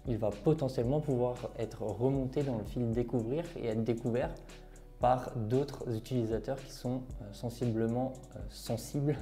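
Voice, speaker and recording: A young man with a French accent walks viewers through a tutorial with a very dark, mellow tone. He keeps pausing on fillers and asks himself questions before he answers them. Faint music plays under his voice. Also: medium pitch, fairly even intonation. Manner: explains step by step with frequent fillers and rhetorical questions. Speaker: online marketing creator. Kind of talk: screen-share tutorial talk.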